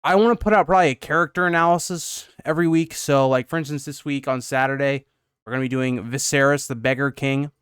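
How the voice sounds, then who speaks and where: A man's voice: medium pitch, steady tone, quick pace, fairly bright tone, clear, resonant tone, no echo, clean studio sound. A young man hosting his channel, out of breath after a workout, giving a loose, rambling update with lots of "um" and "kind of". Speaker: YouTube channel host. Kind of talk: casual channel update talk.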